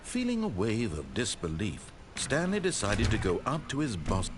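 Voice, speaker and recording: Sardonic, deep-voiced male game narrator. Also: huge pitch swings, moderate pace, background noise. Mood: measured, storytelling. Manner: pompous, dry sarcasm. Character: wry, omniscient male storyteller, exasperated and sarcastic.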